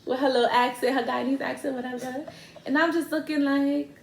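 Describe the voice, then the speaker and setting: Animated young New woman storytelling. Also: sits high, a little fast, vocal fry, noisy background. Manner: animated, laughing, slangy, addresses viewers directly. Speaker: vlogger, co-host with partner. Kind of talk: casual storytelling to viewers. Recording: echoey room.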